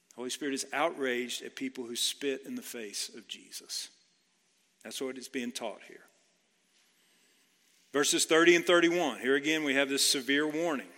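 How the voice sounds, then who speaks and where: Bright-voiced man preaching in a reverberant hall. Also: mid-range voice. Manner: earnest, teaching, asks rhetorical questions. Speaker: pastor. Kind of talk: expository sermon.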